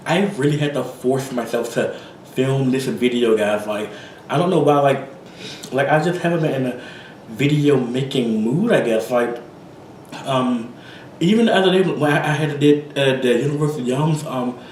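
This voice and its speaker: A man's voice: mid-range voice, normal speed, a little mellow, roomy sound, far from the mic, a little hiss or hum, rough recording. A tired young man vlogging casually, rambling and apologetic with many fillers after a big meal. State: tired, full from eating. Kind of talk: casual chat to camera.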